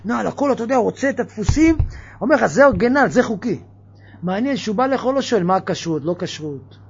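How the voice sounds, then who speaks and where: A man giving a lively religious sermon, firing off mocking rhetorical questions. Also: high-pitched, creaky, breathy edge, muffled recording. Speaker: preacher.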